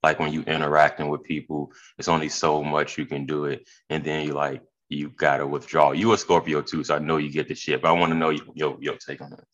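Hungover man with a very deep voice. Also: little pitch movement, brisk, few pauses, fairly bright tone, lo-fi sound. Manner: loose, slangy, rambling. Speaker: podcast host. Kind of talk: casual, profane podcast chat.

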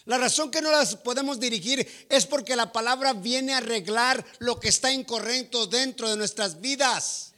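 A man's voice: very high voice, moderate pace, pushed and bright. A man preaching a sermon to a congregation, speaking emphatically, calling listeners brother and asking them rhetorical questions.

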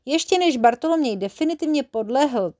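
Woman, storyteller, children's story, lively, playful, somewhat high voice.

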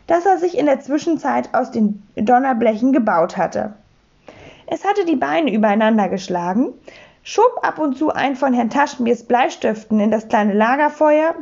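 A woman narrating a children's story audiobook with lively storytelling. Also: sits high, muffled recording. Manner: lively storytelling, clear phrasing.

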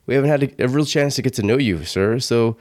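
A podcast host welcomes guests in an upbeat, joking manner, laughing often during a casual interview. His voice is mid-range and a little mellow, he talks quickly, and the studio sound is clean with no room sound.

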